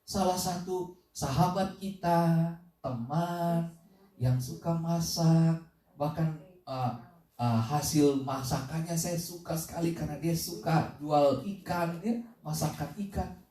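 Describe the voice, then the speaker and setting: Male pastor, high voice, animated sermon storytelling; echoey hall, distant mic. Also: slow. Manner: animated storytelling with repeated phrases and sudden loud questions.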